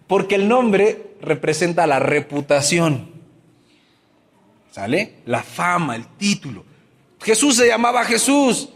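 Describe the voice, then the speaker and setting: A man's voice: high-pitched, a bit bright, big-room sound. A man preaching a sermon as pastor, asking his congregation many questions and acting out everyday complaints.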